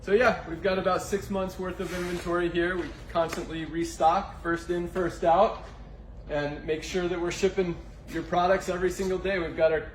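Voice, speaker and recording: A man giving a casual, low-key, matter-of-fact tour as a company owner, in an echoing warehouse. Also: little pitch movement, moderate pace. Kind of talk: casual walk-through tour talk. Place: indoors, office and warehouse. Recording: echoey warehouse, background noise.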